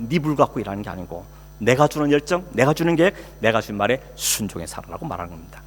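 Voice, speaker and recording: A male pastor preaching a sermon in a conversational way, asking the congregation questions and acting out quoted speech. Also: medium pitch. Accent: Korean. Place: church sanctuary. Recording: long hall reverb, faint hum.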